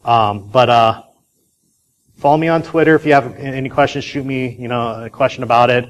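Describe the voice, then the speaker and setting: A man with a mid-range voice speaks at a conference in a loose, casual way. He tells his story chattily, full of fillers and quick restarts. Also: mid-range voice, low-quality recording.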